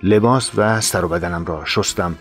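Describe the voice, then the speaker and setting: A man's voice: deep voice, soft background music. Man narrating a grave war memoir. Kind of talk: scripted first-person war memoir narration.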